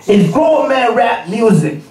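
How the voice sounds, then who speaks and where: A man's voice: very high voice, very animated, slow pace, darkish tone, a little hiss or hum. Man, from Congo, spoken-word rapper, rhythmic rhyming flow, distant mic, reverberant room. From Democratic Republic of Congo. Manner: rhythmic rhyming delivery, chatty between pieces. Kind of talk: spoken-word rap performance. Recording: echoey room, far from the mic.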